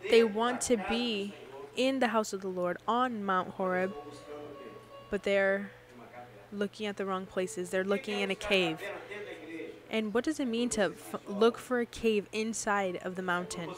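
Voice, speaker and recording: Woman interpreting a sermon live, mid-pitched, congregation clearly heard behind her. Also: fairly even intonation, a little slow, a crowd in the background. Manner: preaching cadence with rhetorical questions to the congregation.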